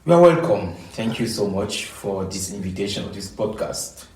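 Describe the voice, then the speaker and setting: A man from Cameroon, answering podcast interview questions in a halting way, often repeating and restarting words. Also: fairly low pitch, lively intonation, darkish tone, recorded from a distance. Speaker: guest scholar. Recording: echoey room.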